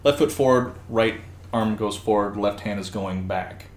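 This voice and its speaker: A man with a fairly low voice tells loose, rambling stories, dropping in "uh" as he goes. He sounds relaxed and conversational. The room is echoey, with faint background hiss. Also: moderate pace. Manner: relaxed, rambling anecdotes with fillers. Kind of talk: casual chat.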